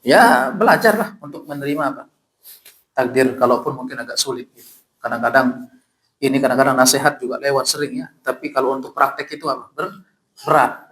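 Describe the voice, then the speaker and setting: A male ustadz giving a mosque study sermon, reciting Arabic sayings slowly, then explaining them in a conversational way and asking the audience questions. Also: mid-range voice, fairly bright tone, rough recording. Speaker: ustadz teaching a kitab study.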